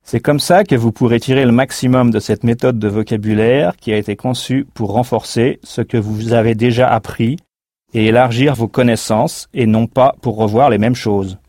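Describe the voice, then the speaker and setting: A man's voice: mid-range voice, fairly even intonation, moderate pace, darkish tone, dry recording, studio quality. A man teaching in a recorded language course, explaining patiently and spelling words out letter by letter. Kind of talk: recorded language lesson narration.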